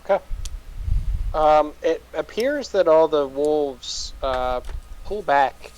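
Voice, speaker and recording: A man's voice: a little high, lively intonation, slow pace, a little mellow, rough recording. A man running a tabletop game as game master, hesitant, with many fillers.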